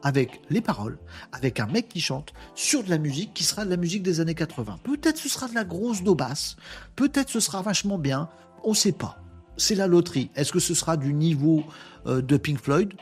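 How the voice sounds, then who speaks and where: A man's voice: a little high, animated, brisk, faint music behind. A man hosting a live stream in casual chat, joking and thinking aloud with many fillers as he works at his computer. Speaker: live show host.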